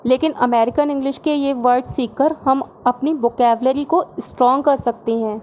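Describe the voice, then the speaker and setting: Mellow-voiced woman teaching vocabulary slowly. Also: high-pitched, fairly even intonation, a little hiss or hum. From India. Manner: slow, explanatory, repeats each word pair. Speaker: English teacher. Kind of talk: Hindi vocabulary lesson.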